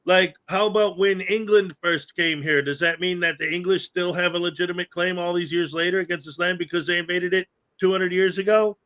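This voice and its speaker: A man's voice: sits high, steady tone, brisk, hardly any pauses, fairly bright tone. A man hosting a podcast in casual chat, rambling with lots of fillers and frequent laughter. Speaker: podcast host.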